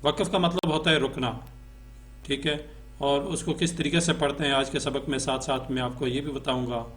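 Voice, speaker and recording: A man teaching a Quran reading lesson. He chants letters and syllables slowly and melodically, then explains quickly, often checking in with a short "okay". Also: mid-range voice, steady tone, a bit bright. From Pakistan.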